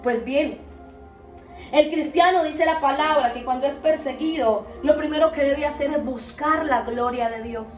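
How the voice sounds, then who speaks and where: A woman's voice: sits high, moderate pace. A woman, hosting a podcast and preaching Bible lessons in an earnest, exhorting way full of rhetorical questions. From Colombia. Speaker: podcast host teaching Bible principles. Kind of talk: preaching talk. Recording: echoey, distant mic, faint music behind.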